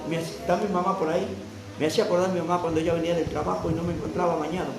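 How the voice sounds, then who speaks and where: A man preaching a fervent sermon as pastor, rising to loud proclamation. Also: on the high side, flat delivery, very fast, gravelly, background noise. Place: church hall. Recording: echoey church sound from a distant mic.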